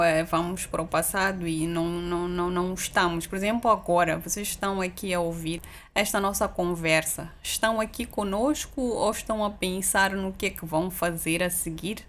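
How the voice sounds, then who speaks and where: A woman's voice: lowish voice, fairly even intonation, moderate pace. A woman speaking as an interview guest, explaining her thoughts hesitantly and checking for agreement as she goes. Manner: hesitant, explanatory, seeks agreement with tag questions. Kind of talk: casual reflective interview talk.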